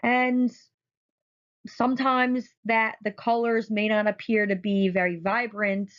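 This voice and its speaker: A woman's voice: on the high side, little pitch movement, slow pace. A woman narrating a photo presentation, enthusiastic and often repeating words for emphasis. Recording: dull lo-fi recording.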